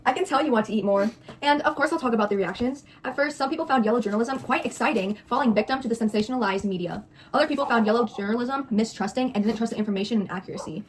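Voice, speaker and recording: A woman's voice: a little high, rapid-fire, a little hiss or hum. A young woman co-hosting a video, moving between scripted explaining and playful, theatrical teasing. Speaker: co-host of a mukbang video.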